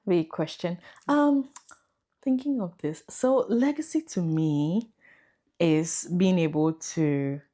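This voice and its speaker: A woman with a Ghanaian English accent speaks as a podcast guest. Her voice sits low, and she tells her story in a warm, thoughtful way. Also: slow. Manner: warm, reflective storytelling with laughs. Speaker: guest researcher. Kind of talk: podcast interview.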